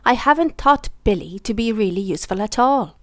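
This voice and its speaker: A woman's voice: fairly high pitch, animated, a little fast, no room sound, studio quality, lightly acted. A woman voicing an earnest, responsible male tank engine who gives instructions in a children's storybook. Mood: dismayed.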